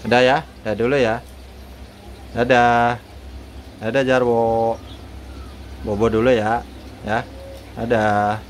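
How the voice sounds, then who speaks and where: A man's voice: medium pitch, flat delivery, takes it slowly, pauses often, slight background noise. A man chatting playfully with his pet bird at home, coaxing it to repeat words and teasing it, recorded on a handheld phone. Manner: playful and teasing, laughs often. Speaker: bird owner and seller. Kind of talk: casual chat with a pet bird.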